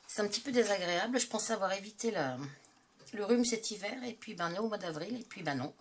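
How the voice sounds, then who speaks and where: A woman's voice: mid-range voice, quick pace, slight background noise. A woman from France with a stuffy head cold, hosting a casual craft tutorial and talking in a chatty way with many hesitations. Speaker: craft channel host.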